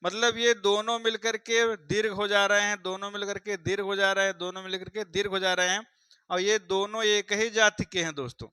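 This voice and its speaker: A man's voice: high-pitched, level tone, moderate pace, sharp tone, smooth, no room sound, poor audio. A man teaching a grammar lesson for exam students, repeating each point and putting questions to his viewers. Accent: Hindi. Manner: repeats points, quizzes viewers, addresses them as friends.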